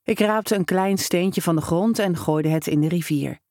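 A storyteller reads a first-person story in a steady, measured voice of middle pitch. The take is close and dry, with no room around it. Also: no echo.

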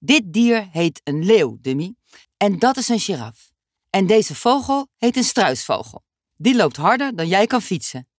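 Patient teacher guy explaining slow, done by a woman, lively tone, dry close sound. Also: mid-range voice, no echo, pitched above the performer's own voice. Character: patient male schoolteacher.

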